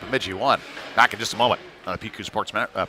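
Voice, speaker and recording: Live from a youth hockey game, a man with a lowish voice narrates the play in a folksy, slang-filled, stop-and-start conversational manner. Rink noise and the sounds of the game are clearly audible behind him.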